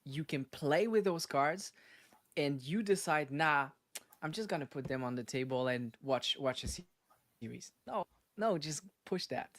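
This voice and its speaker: This host and startup advisor grew up in France after being born in North Africa, and he runs a casual live interview on an online stream. His voice is slightly high, slightly bright, expressive, and a bit slow in a dry recording, and he eagerly repeats phrases for emphasis.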